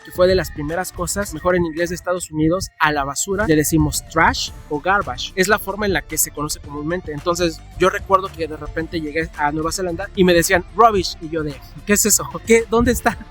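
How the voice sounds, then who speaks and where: A man's voice: on the high side, a little fast, hardly any pauses, soft background music. A young Mexican man with a Mexican accent, telling stories in a casual vlog and acting out his own past conversations. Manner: chatty, animated, acts out his own past dialogue. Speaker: vlogger.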